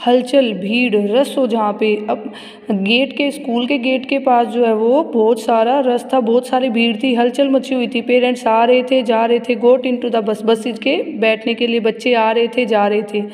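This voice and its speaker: A woman teaching a primary reading lesson with an Indian English accent, reading English lines slowly and explaining each word to the children, often asking and answering her own questions. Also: a little high, fairly even intonation, darkish tone, big-room sound, poor audio. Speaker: school teacher.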